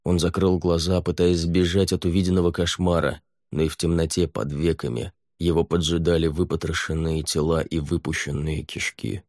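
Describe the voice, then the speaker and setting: Мужчина читает аудиокнигу размеренно и ровно. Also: male voice, low voice, little pitch movement, normal speed, few pauses, a little mellow, dry recording, clean studio sound. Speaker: narrator. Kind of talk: audiobook narration.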